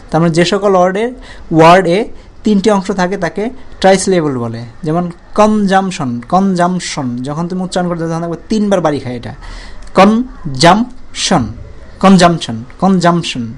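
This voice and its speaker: A man with a slightly raised speaking voice explains a grammar lesson to students. He drags out example words and says them more than once, breaking them into parts, and pauses often as he feels his way through the explanation. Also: sits high. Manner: repeats and stretches words slowly to show syllables. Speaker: teacher.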